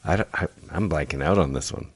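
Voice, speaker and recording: A man co-hosting a casual chat, musing slowly and laughing often. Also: very deep voice, husky, no room sound. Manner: drawn-out musing, quick to laugh. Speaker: co-host.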